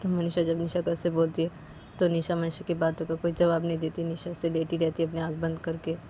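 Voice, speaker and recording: Low-voiced woman narrating a story. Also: completely flat delivery, brisk, mellow, slight background noise. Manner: plain, repetitive narrating.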